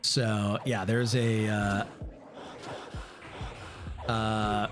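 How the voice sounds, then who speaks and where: A man's voice: lowish voice, little pitch movement, extremely slow, over music. A man streaming live gameplay, chatting casually, thinking aloud and answering chat with lots of fillers. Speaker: game streamer.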